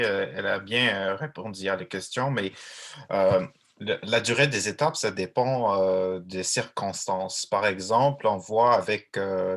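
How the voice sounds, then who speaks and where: A man answering questions informally, explaining step by step in a halting way with repeated phrases. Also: on the low side, fairly bright tone.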